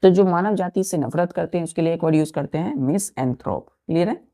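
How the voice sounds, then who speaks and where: Woman teacher, low voice, slow, mellow tone, spells words letter by letter, keeps checking students follow. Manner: repeats words and spells them letter by letter, checks understanding often. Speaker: English teacher. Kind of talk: slow classroom vocabulary lesson.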